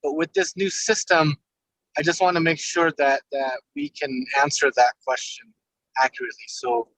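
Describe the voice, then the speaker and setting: A man phones into a community meeting on a hands-free car speakerphone as he drives. His voice sits a bit high for a man and sounds dry and close. He speaks as a police commander, careful and courteous, choosing his words so he does not misspeak. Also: sing-song, normal speed, gravelly, fairly bright tone, no room sound, poor audio. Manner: careful and polite, hedges to avoid misspeaking. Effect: car speakerphone call. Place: inside a moving car.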